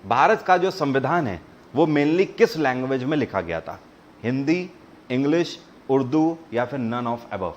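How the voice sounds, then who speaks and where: A man teaching a live online quiz class, reading each question out slowly, then explaining it and pressing viewers to answer, mixing English terms into his Hindi. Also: medium pitch, animated, highs cut off, slight background noise.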